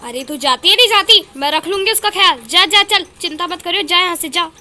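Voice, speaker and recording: A woman voicing a harsh mother who loudly scolds her son and her sister. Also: very high voice, expressive, moderate pace, voice pushed up, heavily acted. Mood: angry scolding. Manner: loud, shouting insults.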